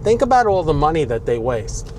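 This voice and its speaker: A fairly high, darkish male voice with big pitch swings and a slightly fast pace comes from a vlogger in his sixties with a New York accent. Chatting casually while driving in city traffic, with faint traffic noise audible, he rambles, offers opinions freely, and mutters grumbling asides.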